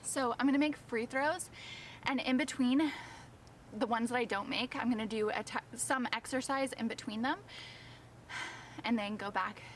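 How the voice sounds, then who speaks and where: A woman's voice: a little high, moderate pace, long pauses. A woman chatting casually as a vlogger, narrating her own workout on an outdoor basketball court and now and then short of breath. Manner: sometimes short of breath from exercise. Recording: distant mic, noisy outdoor ambience.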